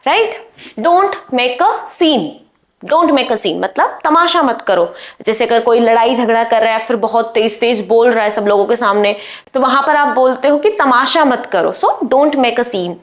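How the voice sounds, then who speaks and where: High-pitched woman teacher doing an english phrases lesson, slow clear example sentences. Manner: explains in Hindi, says English phrases slowly and clearly.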